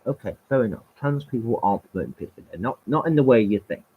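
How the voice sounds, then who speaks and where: Male streamer ranting on a live stream, husky and animated, heated and sweary, on a muffled lo-fi recording. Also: medium pitch, fast talker.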